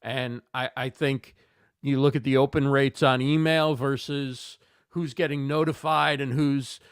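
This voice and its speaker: A guest expert on livestreaming gives conversational interview answers in a mid-range, steady voice, unhurried and clean in tone, though slightly worn because he is losing his voice a little. He is thoughtful but uses frequent fillers and repeats words, and the studio recording is clean with no echo.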